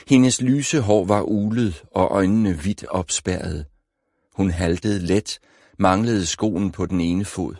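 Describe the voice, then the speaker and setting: A man narrating an audiobook in a measured, even storytelling manner on a close mic. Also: sits low, dry recording. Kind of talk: scripted narration.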